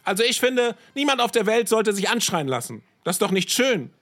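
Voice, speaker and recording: A man's voice: high-pitched, sing-song, fairly quick, fairly bright tone, faint music behind, exaggerated voice. A man voicing a friendly, encouraging character in a children's audio drama.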